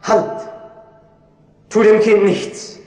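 A wise king passing judgment, calm and commanding, high voice, in a roomy hall. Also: drawn-out words. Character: wise just young king on judgment seat. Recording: reverberant hall echo.

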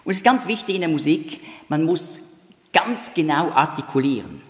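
Animated German preacher in a reverberant hall. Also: male voice, on the high side, normal speed. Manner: explains with demonstrations, imitates sounds. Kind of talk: sermon.

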